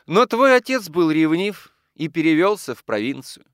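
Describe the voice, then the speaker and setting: A man's voice: a little high, big pitch swings, moderate pace, dry recording, studio quality, pitched above the performer's own voice. Man voicing a vain, coquettish old widow. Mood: grand, coquettish. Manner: affected and condescending.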